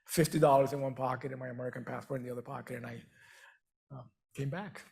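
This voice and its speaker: A middle-aged man from Venezuela, Spanish his first language, talks as a guest on a stage. His voice is deeply gravelly with plenty of fry, and he speaks earnestly, often repeating words as he restarts a thought. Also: steady tone, quick pace, a little mellow. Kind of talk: on-stage conversation.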